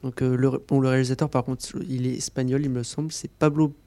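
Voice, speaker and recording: A man's voice: medium pitch, little pitch movement, quick pace, mellow, no room sound. Hesitant man giving a radio film review. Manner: hesitant, many fillers and restarts. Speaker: film columnist. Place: radio studio.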